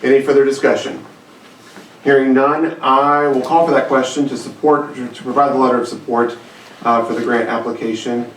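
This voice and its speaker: Man chairing a council meeting, halting procedural delivery, far from the mic in an echoey room. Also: mid-range voice, level tone, slight background noise. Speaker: council presiding officer. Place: council chamber. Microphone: distant room mic. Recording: echoey chamber, distant mic.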